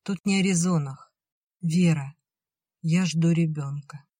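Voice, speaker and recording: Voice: medium pitch, takes it slowly, dark tone, no room sound, clean studio sound. An audiobook reader voicing an anxious, emotional elder sister who exclaims in agitation. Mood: troubled. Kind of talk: audiobook character reading.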